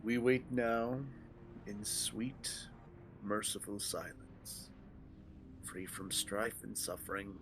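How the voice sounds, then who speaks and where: With background noise present, a man speaks slowly in a lowish voice as an ancient, world-weary male dragon for a game. He delivers grave archaic lines solemnly but stumbles here and there, reading them for the first time.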